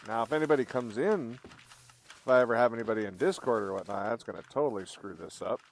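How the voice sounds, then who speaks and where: A man with a mid-range voice talks quickly while streaming a game live, rambling casually with whoever is watching. Background noise is plainly audible through his streaming microphone, its gain turned all the way up.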